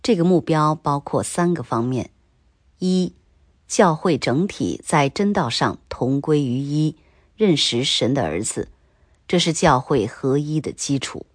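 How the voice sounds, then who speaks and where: A woman reading a scripted Bible commentary in a slow, measured, even way. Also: deep voice, dry recording, studio quality.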